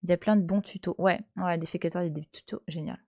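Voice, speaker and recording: A woman's voice: on the low side, fairly even intonation, fast talker, darkish tone, no echo, clean studio sound. A French woman in her thirties, chatting casually and teasingly on a live stream from home, talking back to her chat. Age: 30s. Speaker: Twitch streamer. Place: at home, cat nearby.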